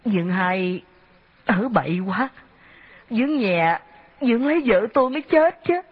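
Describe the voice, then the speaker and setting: A woman reading an audiobook, voicing a humble, grieving man who speaks slowly and haltingly through tears. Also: mid-range voice, animated, husky. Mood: sorrowful. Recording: dull lo-fi audio.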